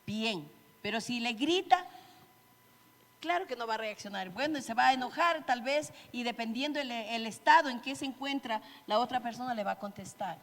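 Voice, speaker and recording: A gentle Ecuadorian woman in her sixties explains marriage advice to a church group, patient and clear. Her voice runs a little high, and long church-hall reverb lingers behind it. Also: normal speed. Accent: Ecuadorian Spanish. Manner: gentle and explanatory, acts out example phrases. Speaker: church couples-ministry speaker. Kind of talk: teaching at a church meeting.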